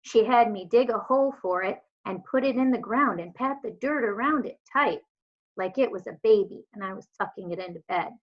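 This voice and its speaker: Reading a children's story as narrator, a woman who teaches elementary school speaks briskly at a medium pitch, captured in a dull lo-fi recording at home.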